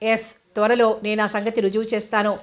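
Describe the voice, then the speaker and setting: A woman's voice: mid-range voice, completely flat delivery, a little fast, close to an everyday voice. Woman voicing a cool, probing young officer. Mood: confident. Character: confident young female officer, sharp and playful.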